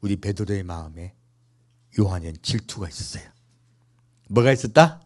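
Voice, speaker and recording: A pastor preaching a sermon in a church, asking the congregation rhetorical questions, with playful humorous asides. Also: male voice, lowish voice, animated, moderate pace, a little mellow.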